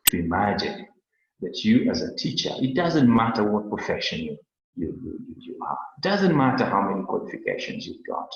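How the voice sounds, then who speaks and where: A Kenyan man teaching a webinar in an earnest, animated way, his pitch rising and falling widely as he explains. He often repeats a word while searching for the next. The sound is heavily echoey and dull, like lo-fi online-meeting audio. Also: brisk, creaky. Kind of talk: lecture on a webinar.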